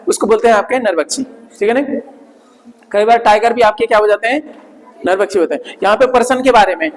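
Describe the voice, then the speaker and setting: In a rough recording with a long reverb tail, a man with a very high-pitched voice teaches English vocabulary in Hindi. During the classroom lesson he drills pronunciation, has students repeat after him, and mixes in playful jokes and frequent tag questions.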